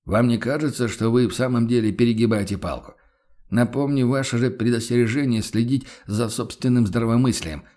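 A formal nobleman, read by a male audiobook narrator, reproaching with hesitant strictness. His speech is courteous and measured. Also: medium pitch, a little mellow, natural voice. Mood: reproachful. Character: hesitant, stern young nobleman.

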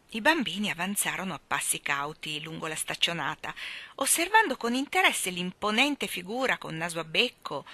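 A woman reading a children's novel aloud in an expressive storytelling manner. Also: fairly low pitch. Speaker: reader. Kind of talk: audiobook reading.

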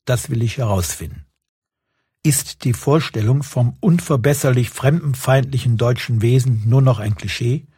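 A man reads his own reportage aloud in a sober, measured way with a wry edge. His voice is strongly husky and darkly mellow. The recording is close and dry. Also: mid-range voice, dry recording. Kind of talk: scripted first-person narration.

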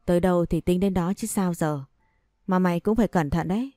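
A woman's voice: on the low side, a little fast, mellow, no room sound, studio quality, soft background music, natural voice. A woman reading a blunt, caring older sister. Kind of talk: audio story reading.

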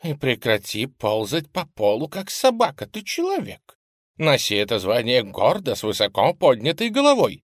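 A man's voice: mid-range voice, huge pitch swings, moderate pace, dry recording, clean studio sound, voice pushed up. A man voicing a cheerful, motherly female ship computer with a melodic, lilting voice. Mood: scolding kindly.

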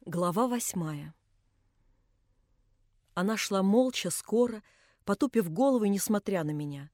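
Mellow-voiced woman reading an audiobook. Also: mid-range voice, no echo, clean studio sound. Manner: measured, expressive. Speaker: audiobook narrator. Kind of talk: expressive literary audiobook reading.

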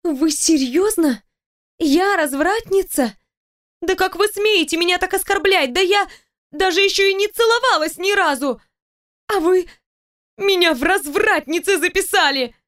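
A woman voicing a flustered, indignant young female office worker in an audiobook, protesting in a high, drawn-out voice. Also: expressive, a little mellow. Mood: outraged.

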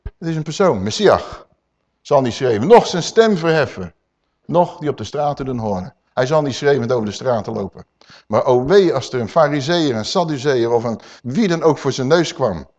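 A man preaching a sermon, emphatic and swinging between loud and hushed, calling his listeners dear people. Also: medium pitch, animated, moderate pace, lo-fi sound.

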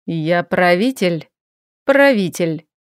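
Gruff, slow orc ruler, lowered voice, dry close sound, read by a woman. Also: lively intonation, dry recording. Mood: domineering. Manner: gruff, bellowing, slow and bossy. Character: brash stubborn male orc ruler. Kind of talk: audiobook character voice.

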